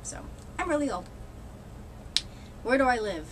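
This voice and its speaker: Against the red cloth backdrop of a small indoor room, a New England vlogger in her thirties chats to her webcam in a fairly high, sing-song, unhurried voice over a noisy background. She rambles wryly, laughing often and swearing a bit.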